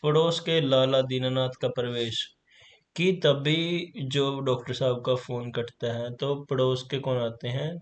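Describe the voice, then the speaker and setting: A man's voice: medium pitch, fairly even intonation, measured pace. A man teaching a school play for exam preparation, asking questions and then answering them himself. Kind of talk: reading and explaining a play for exam prep.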